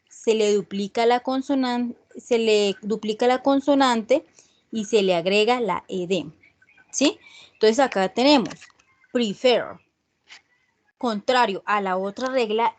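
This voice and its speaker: A woman teaching an online English class, explaining rules slowly and checking in with her students often. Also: a little high. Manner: slow, repeats "¿sí?" checks with students. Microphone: video call.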